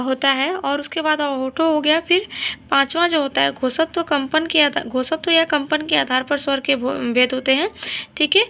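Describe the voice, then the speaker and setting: A woman teacher explaining grammar step by step for an exam-prep lesson, often pausing to check in with her listeners. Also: high voice, vocal fry, fairly bright tone.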